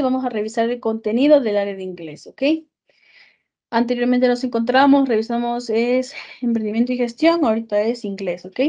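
Brief: Ecuadorian female teacher, high voice, patient explainer, tags "ok?". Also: a little mellow. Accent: Ecuadorian Spanish. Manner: explains in Spanish with English examples, checks with frequent "ok?". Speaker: English teacher. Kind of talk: online class lesson.

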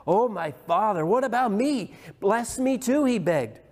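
A man's voice: high-pitched, lively intonation, unhurried, mellow, pitched above the performer's own voice. A man reading the lines of a desperate grown son who begs, with a raised voice. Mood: pleading. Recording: long hall reverb.

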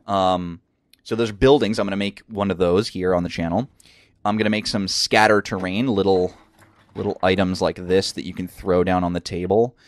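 Low-voiced man with a scratchy throat. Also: fairly even intonation, moderate pace, dry recording. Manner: enthusiastic, rambling, lots of fillers. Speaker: crafting channel host. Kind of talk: casual tutorial.

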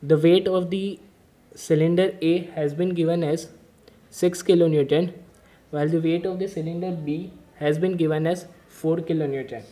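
Guy tutor walking thru a mechanics problem, high-ish voice, mellow tone, steady step by step. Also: normal speed. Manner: methodical, step-by-step explaining with filler "okay". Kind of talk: whiteboard-style problem-solving lesson.

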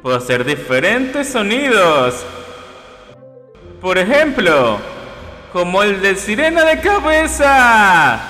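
A man's voice: high voice, huge pitch swings, takes it slowly, pauses often, bright, forceful tone. A man acting in a playful kids' video skit, boastful and laughing often. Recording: long hall reverb, faint music.

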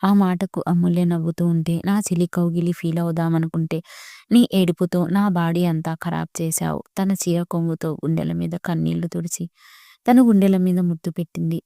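A woman narrates a romantic story in a steady reading voice, speaking every character herself. Her voice sits low and gravelly with a mellow, dark tone and little rise and fall. The recording is close and dry, with no room sound. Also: normal speed, no room sound.

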